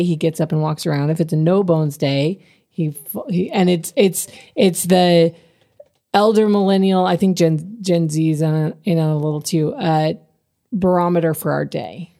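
A woman's voice: on the low side, dark tone. A woman chatting as a podcast guest, rambling and restarting as she explains things. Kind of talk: casual chat.

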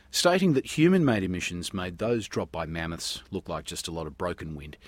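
A man's voice: low voice, no room sound. A man hosting a science radio show, reading a script in a wry, tongue-in-cheek way. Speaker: radio science show host and news reader.

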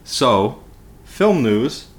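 A man's voice: mid-range voice, big pitch swings, drawn-out words, slight background noise. A man in his twenties, a podcast co-host chatting casually about films, rambling with lots of filler words. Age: 20s. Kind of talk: casual film chat.

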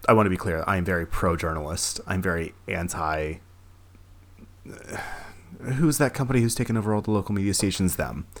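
A man with a very low voice co-hosts a casual movie review chat. He swears freely and laughs a lot. His talk jumps into excited, animated bursts. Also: normal speed. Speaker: podcast co-host.

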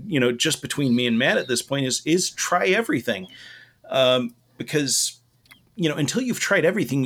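Male co-host, medium pitch, loose and meandering conversational delivery, halting. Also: fairly bright tone. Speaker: podcast co-host giving opinions. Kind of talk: casual rambling chat.

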